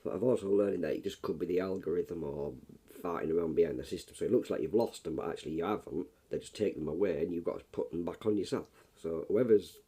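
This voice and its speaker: A middle-aged man, hoarse and coughing after just waking up, giving a rambling, blunt, swearing early-morning rant. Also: low-pitched, fast, hardly any pauses, dark tone. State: hoarse, coughing, frog in throat. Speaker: YouTuber.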